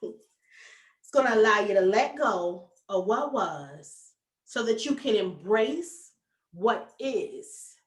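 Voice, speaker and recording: A woman success coach giving a motivational talk, animated and folksy, addressing the audience directly. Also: fairly high pitch, recorded from a distance. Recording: echoey room, voice from off mic.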